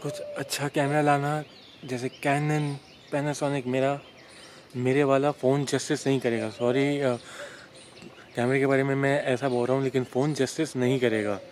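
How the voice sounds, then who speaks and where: A man's voice: medium pitch, little pitch movement, normal speed, darkish tone, a little hiss or hum. A young man in a casual walking vlog, chatting to the camera on a phone held at arm's length, joking and correcting himself as he tours a wooded resort. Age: young adult. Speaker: travel vlogger. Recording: faint outdoor ambience with birds.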